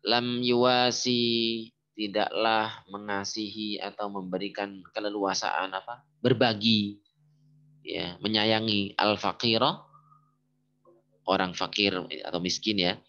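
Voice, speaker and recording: A man teaching Arabic grammar in a casual lesson, often pausing to think aloud and search for the right word. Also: fairly low pitch, little pitch movement, sharp tone. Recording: dull lo-fi recording.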